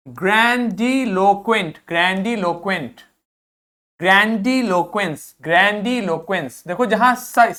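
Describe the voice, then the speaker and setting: Teacher drilling word pronunciation slowly. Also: mid-range voice, a bit bright. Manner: drills pronunciation by repeating each word slowly several times; often checks in with "ठीक है". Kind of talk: online vocabulary lesson.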